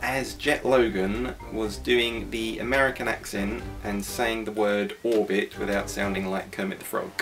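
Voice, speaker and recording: Wry low-voiced man. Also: steady tone, a little slow, few pauses. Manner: wry, lesson-giving. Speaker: co-creator and actor of a home-made series. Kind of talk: casual interview chat. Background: guitar music.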